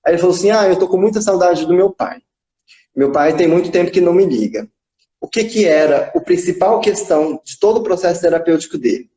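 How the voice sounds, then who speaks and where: A young man with a fairly high, mellow voice recounts a therapy session over a live stream. He slips into the quoted lines as he goes, and his phone sound carries the echo of the room around him. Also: fast talker. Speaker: psychodrama psychologist. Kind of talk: casual storytelling in a live chat. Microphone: phone on a live video stream. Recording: echoey room.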